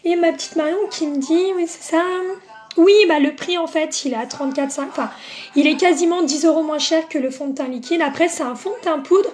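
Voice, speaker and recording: A woman's voice: high voice, a little fast, a little mellow. A woman hosting a makeup live stream, chatting casually with viewers and greeting them by name, with plenty of fillers.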